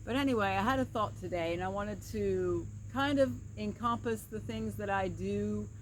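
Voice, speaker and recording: A middle-aged woman with an average-pitched voice speaks in a casual, reflective vlog style. Her words are slightly slurred, as though one side of her mouth were numb. She is outdoors, with clear insect and nature noise around her. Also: moderate pace, poor audio. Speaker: vlogger and pastoral counselor. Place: outdoors by a creek. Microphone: camera at a short distance. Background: insects and woodland ambience.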